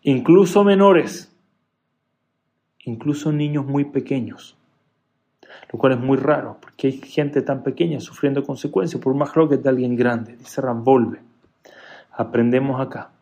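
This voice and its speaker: A man teaching a religious class who tells stories in an animated way, moving between loud emphasis and soft asides. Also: medium pitch, a little slow, pauses often, lo-fi sound. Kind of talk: Torah class.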